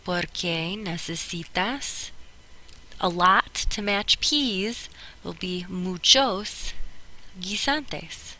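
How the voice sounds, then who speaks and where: Bright-voiced woman teaching Spanish grammar. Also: fairly low pitch, low-quality recording. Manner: patient, step-by-step explaining, slowing down to sound out Spanish words. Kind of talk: classroom lesson explaining grammar.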